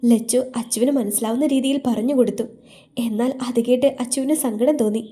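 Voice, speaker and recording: Mellow high-voiced woman storyteller. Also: steady tone, a little fast. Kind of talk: scripted story narration.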